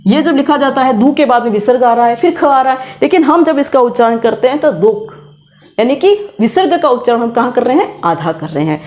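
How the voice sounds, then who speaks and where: A woman's voice: high voice, animated, brisk, hardly any pauses, a little mellow, soft background music. A middle-aged woman teaching grammar, patiently explaining and repeating sounds aloud to demonstrate pronunciation. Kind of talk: classroom lesson, explaining pronunciation.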